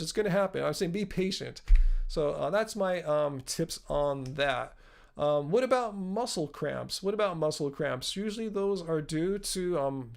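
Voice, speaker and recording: A man's voice: on the high side, vocal fry. A man in his fifties hosting a casual live-stream Q&A, chatty and rambling as he answers viewers' questions. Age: 50s. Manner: chatty, rambling, self-correcting, laughs at own jokes. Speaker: channel host answering live chat.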